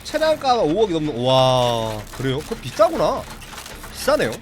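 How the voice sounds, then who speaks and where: A man's voice: a little high, huge pitch swings, moderate pace, slight background noise. A man chatting casually with his viewers while streaming a horror game, reacting to the play and answering chat.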